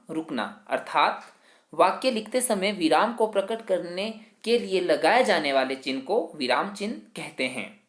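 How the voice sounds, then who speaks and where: A man teaching a grammar lesson to students. He explains slowly, works through example after example, and keeps leaning on the same filler phrase. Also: sits high, roomy sound. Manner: slow, explanatory, leans on the filler "jo hai".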